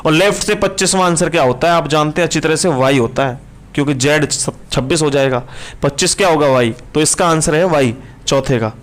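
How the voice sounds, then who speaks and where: Male tutor, fairly high voice, brisk live class, keeps asking students questions. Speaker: reasoning teacher.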